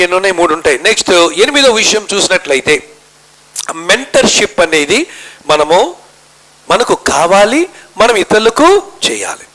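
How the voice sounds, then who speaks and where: Middle-aged preacher, pretty high voice, keeps asking the congregation stuff, slips into english. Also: male voice, fairly bright tone, low-quality recording. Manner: questions the congregation directly, mixes in English. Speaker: pastor. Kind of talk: sermon. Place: church.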